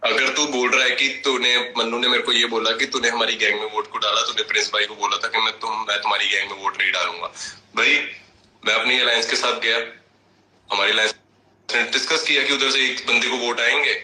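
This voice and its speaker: Brief: male streamer, defensive rant, sharp tense tone, echoey room. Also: medium pitch, fairly even intonation, a little fast. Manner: heated, defensive, long explanations. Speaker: reality show contestant on a live stream. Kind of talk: casual live-stream chat.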